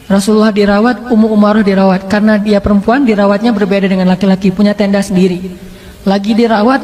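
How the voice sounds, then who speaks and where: A male Islamic preacher with a high-pitched voice tells a sermon story in a lively, humorous, colloquial way, laughing and restarting often. The sound has a big-room quality.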